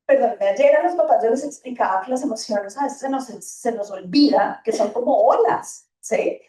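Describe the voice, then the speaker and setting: Lady giving a parenting talk in a gym, high voice, mellow tone, room echo, sounds a bit far off. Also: moderate pace. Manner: lively, animated, acts out children's and parents' lines. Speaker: school talk speaker for parents. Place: hall or gym.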